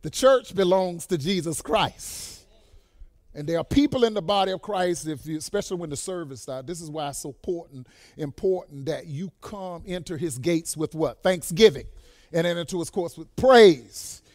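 Male pastor, fairly high voice, dry close sound; fervent sermon delivery with loud amen-filled bursts and quiet storytelling stretches. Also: lively intonation, normal speed, dry recording. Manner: swells into loud exclamations, trails off quietly in stories; punctuates lines with "amen" and "bless God". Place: church service with a congregation.

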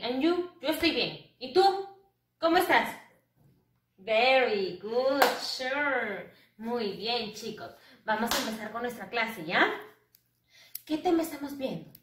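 A woman's voice: sits high, pushed and bright. A woman teaching English to first graders in a sing-song, coaxing way, answering her own questions in children's voices. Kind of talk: children's lesson. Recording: roomy, distant from the mic.

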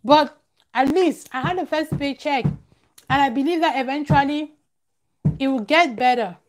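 A young woman with a high-pitched voice chats casually on a live stream at a measured pace, offering viewers advice and repeating phrases for emphasis. She's a vlogger hosting from a small room at home, sitting close to a plain wall. A clip-on lavalier mic is attached at her collar.

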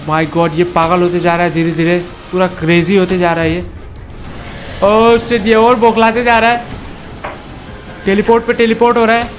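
A high-pitched man calls out a game as he plays. He taunts and repeats short words in excited bursts. Faint game music plays behind him. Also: moderate pace, long pauses. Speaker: gaming channel host. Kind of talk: excited gameplay commentary.

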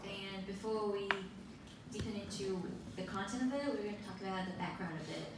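A teenage girl from Taiwan, a native Mandarin speaker, presenting a student pitch in English. She speaks carefully, with light fillers. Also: fairly quick, noisy background. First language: Mandarin Chinese. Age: teens. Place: conference hall, indoors. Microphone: handheld mic at a lectern, filmed by a far phone camera. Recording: echoey hall from far off.

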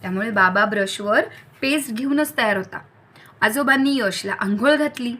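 A woman reading a children's story aloud, talking directly to young listeners in a lively way. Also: a little high, moderate pace.

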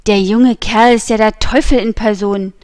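A woman's voice: medium pitch, fairly even intonation, a little mellow, no echo, lightly acted. A woman reading the part of a haughty, mocking nobleman who speaks with cool contempt, in a dry audiobook recording. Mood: scornful. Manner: scornful, unhurried, mocking.

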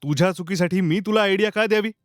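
A man's voice: high voice, fast talker, no room sound, clean studio sound, natural voice. A young man acting an alarmed friend in a short film, scolding and agitated. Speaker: actor.

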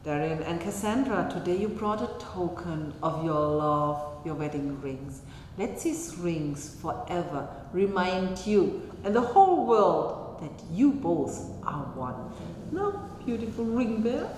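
A woman's voice: on the low side, expressive, a little slow, few pauses, darkish tone. A woman officiating a wedding in a small chapel, speaking formally and leading the vows line by line. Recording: echoey chapel reverb, faint noise.

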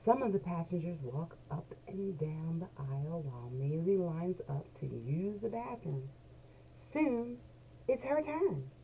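Hosting a children's book read-along from a small room at home, this middle-aged woman reads a picture book expressively in a lowish voice. She's deliberate and animated, stretching out key words, and her home webcam recording is noisy.

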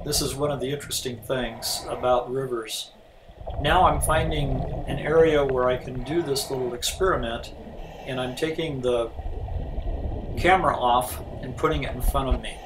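An older man giving an informal, matter-of-fact explanation as a diver, halting at times. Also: mid-range voice, steady tone. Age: older, around 70s. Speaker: scuba diver and vlogger. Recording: distant, noisy outdoor camera audio.

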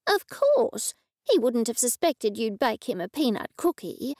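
A woman voicing an excitable, fussing female friend in a high, shrill, fretting voice. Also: unhurried, dry recording, clean studio sound. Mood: fretful.

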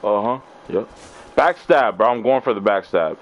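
A man's voice: on the low side, expressive, normal speed, muffled recording, a little hiss or hum. A man commentating his live gameplay, trash-talking opponents in loose, profane slang. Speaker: game streamer.

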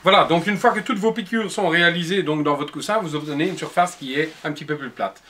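A little high and bright, this man's voice carries a forceful tone and a fast delivery, with a bit of hiss or hum in the background. He's an upholsterer in his forties demonstrating cushion making in his workshop showroom, patiently explaining each step to the viewer via the camera mic.

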